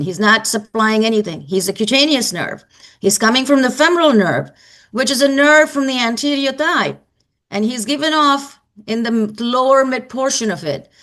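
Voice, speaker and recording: A woman giving a live anatomy lecture, brisk and emphatic, quizzing her students as she goes. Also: fairly high pitch, a bit bright.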